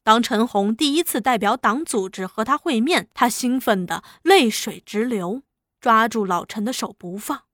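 A woman giving a measured, scripted narration of a novel. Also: on the high side, expressive, a bit bright, dry recording, clean studio sound. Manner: measured storytelling. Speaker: audiobook narrator.

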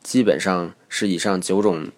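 A man narrating a scripted lesson as an English teacher, explaining calmly and reading example words aloud. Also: sits low, normal speed.

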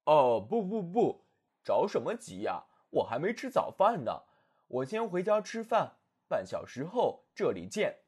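A man voicing a small, proud, quick-witted male hedgehog in a storybook reading, in a slightly lowered, husky voice. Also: very animated, a little mellow, full character voice. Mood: casual. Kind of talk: storybook narration.

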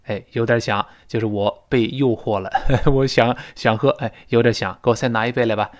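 Steady in tone and medium in pitch, a man with a Mandarin Chinese accent teaches spoken English. He is patient in his explanations and slowly models phrases for students to repeat.

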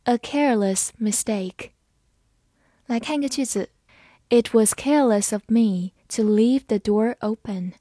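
Slow, husky woman teaching vocabulary. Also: a little high, dark tone, no echo, clean studio sound. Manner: spells words letter by letter and reads example sentences slowly. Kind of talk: scripted vocabulary lesson.

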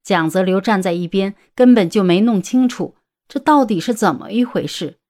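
A woman narrating an audiobook romance story in a steady storytelling manner. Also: medium pitch, moderate pace.

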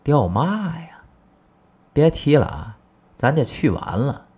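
A man voicing a boastful, loudmouthed middle-aged neighbor, talking in a brash, bragging way. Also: medium pitch, sing-song, slow, slightly rough, pitched above the performer's own voice, heavily acted. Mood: excuse-making.

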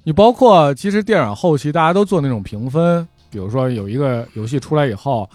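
A man's voice: mid-range voice, big pitch swings, brisk, darkish tone, dry recording, faint music behind. A man, chatting casually and reminiscing as a panelist on a podcast.

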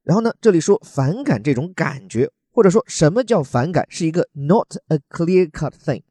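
A man's voice: fairly high pitch, very animated, normal speed, dark tone, slightly rough, dry recording. A man from China, teaching English words from a news article in a chatty, joking way and spelling words out letter by letter.

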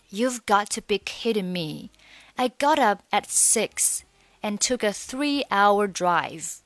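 A woman's voice: mid-range voice, dry recording. Patient Mandarin-speaking woman teaching English. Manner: patient, repeats key words slowly. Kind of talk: explaining English phrases in Mandarin.

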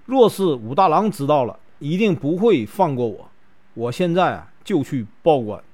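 A sly, greedy old matchmaker woman plotting and coaxing, as a Northeastern Mandarin storyteller puts her on. The voice sits fairly high and swings widely in pitch. Storybook telling with a lively lilt. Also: normal speed. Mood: feigned anger.

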